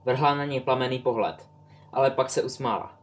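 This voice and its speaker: Male audiobook reader, measured scripted narration, plain middle pitch.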